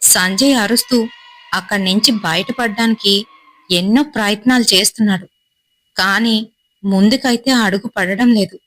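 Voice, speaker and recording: A woman narrating a horror story in a steady, suspenseful storytelling manner, in short phrases. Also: medium pitch, normal speed, long pauses, low-quality recording.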